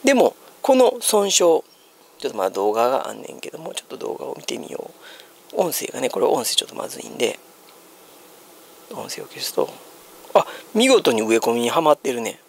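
A man's voice: medium pitch, big pitch swings, a little fast, creaky, husky. A man with a Kansai Japanese accent chatting casually as a solo streamer, explaining news and thinking aloud. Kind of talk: casual chat commentary on news. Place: small room at home, seated on a sofa.

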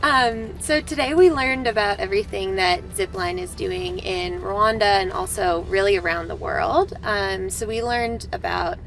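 A young woman talks fluently with a lot of vocal fry. She sits inside a parked vehicle. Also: mid-range voice, animated, a little slow, hardly any pauses, a bit bright, poor audio. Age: young adult. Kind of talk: interview.

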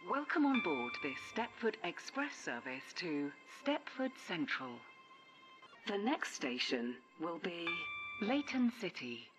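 A woman giving automated onboard train announcements in a measured, formal delivery. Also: fairly low pitch, very animated, over music. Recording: clear background noise.

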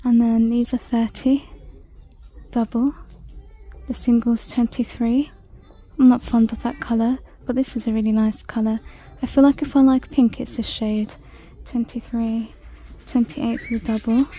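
A woman chatting through a shopping walk-through in a large store, reading out prices and sometimes dropping to a soft whisper, filmed on a handheld phone. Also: on the high side, level tone, a little slow. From United Kingdom. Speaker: shopping vlogger. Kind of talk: casual shop-with-me commentary. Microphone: handheld phone camera.

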